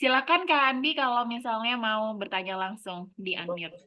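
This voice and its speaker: A woman moderating an online talk, relaxed and filler-heavy. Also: on the high side, moderate pace. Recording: dull lo-fi call audio.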